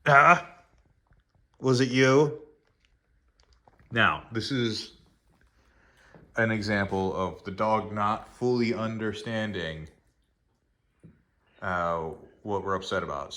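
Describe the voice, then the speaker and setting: Low-voiced man explaining dog training. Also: a bit bright. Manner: chatty, explains with rambling restarts; baby talk to his dogs. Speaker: dog owner vlogger. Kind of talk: casual talk to camera.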